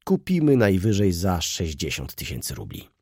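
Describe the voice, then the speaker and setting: A man's voice: deep voice, moderate pace, husky, no room sound, clean studio sound, full character voice. A man voicing a sly, persuasive old-school lawyer. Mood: scheming. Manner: animated, persuasive, theatrical emphasis. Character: scheming middle-aged male lawyer, smooth and sly. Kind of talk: audiobook character voice.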